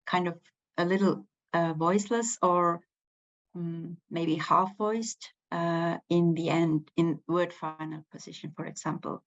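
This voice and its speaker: Slow, hesitant Estonian-accented woman teaching. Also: lowish voice, muffled recording. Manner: hesitant, many fillers and restarts. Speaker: language teacher. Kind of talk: unscripted online lecture.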